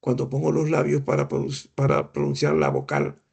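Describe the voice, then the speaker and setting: A man's voice: medium pitch, monotone, normal speed, vocal fry, a little mellow, husky. A middle-aged man lecturing on clinical examination, explaining patiently, asking rhetorical questions and imitating breath sounds. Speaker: medical lecturer.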